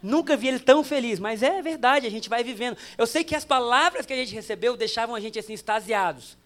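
A Brazilian man in his thirties preaches with a strikingly high voice. He tells funny family stories straight to the congregation, drops to a hush and then comes back forceful. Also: fast. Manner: humorous storytelling, addressing the congregation directly; animated, swinging between hushed and emphatic. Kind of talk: sermon.

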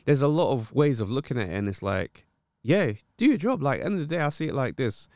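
A man's voice: medium pitch, animated, fast talker, a little mellow, no room sound, clean studio sound. A man with an urban London roadman accent and street slang, talking casually and emphatically as an interview guest. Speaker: stand-up comedian and podcaster, interview guest. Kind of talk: casual conversational interview answers.

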